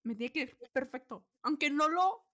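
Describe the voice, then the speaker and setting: Mexican girl hosting a podcast, high voice, cussing and telling stories all animated. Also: moderate pace. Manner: profane, animated storytelling. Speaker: podcast host. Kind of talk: casual chat.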